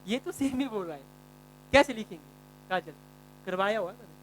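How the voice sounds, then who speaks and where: A male math teacher giving a classroom lesson, quizzing students by name and repeating key phrases slowly. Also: sits high, lively intonation, slight background noise, rough recording.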